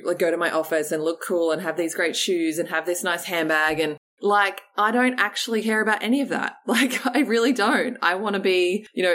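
A woman's voice: on the low side, fairly bright tone, slight background noise. A woman, a company CEO guest, talking animatedly in a casual interview, often saying "like" and laughing. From Australia.

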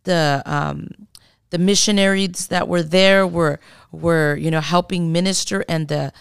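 Woman guest minister: low gravelly voice, earnest, deliberate testimony, dry close sound. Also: steady tone, no room sound. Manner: earnest, slow and deliberate, acts out prayers. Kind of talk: testimony in a podcast interview.

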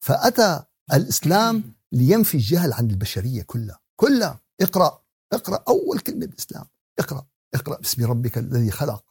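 Male preacher, Syrian Arabic accent. Mellow, husky voice; didactic yet conversational Quran teaching, with rhetorical questions and repeated key words. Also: on the high side, big pitch swings, quick pace, no room sound, studio quality. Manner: conversational, with everyday examples and acted exchanges. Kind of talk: religious lesson on Quran exegesis, mixing classical recitation with colloquial talk.

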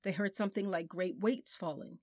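Female storybook narrator, measured and softly expressive, dry close mic. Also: on the low side, no echo. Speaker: audiobook narrator.

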